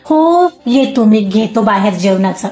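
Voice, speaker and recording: A woman voicing a gentle, caring middle-aged father in an audio story, speaking softly and fondly. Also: mid-range voice, lively intonation, a little slow, voice pushed down, natural voice. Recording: roomy muffled recording, soft music.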